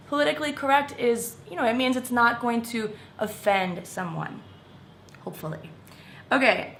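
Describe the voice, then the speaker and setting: This is an American woman teaching English, taking apart phrases from a recorded chat. She talks in a clear, upbeat way and leans on the key words. Her voice sits mid-pitch, and a faint hiss runs under it. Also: a bit bright. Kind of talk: explaining phrases from a recorded conversation.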